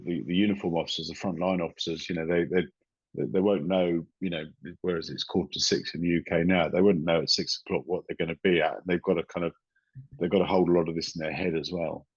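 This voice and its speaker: A man's voice: sits low, husky, no echo. A middle-aged man from England, a retired police officer, explaining things in a casual video interview with many small restarts. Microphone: video call. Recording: dull, lo-fi video call audio.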